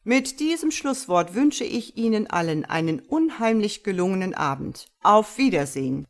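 A woman reading an audiobook voices a theatrical male stage magician announcing loudly to an audience. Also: mid-range voice, very animated, moderate pace, voice pushed up.

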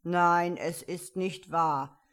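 A woman voicing a curt, contrary caterpillar in a storybook reading, speaking slowly and bluntly. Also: on the low side, fairly even intonation, a bit bright. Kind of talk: audiobook character voice.

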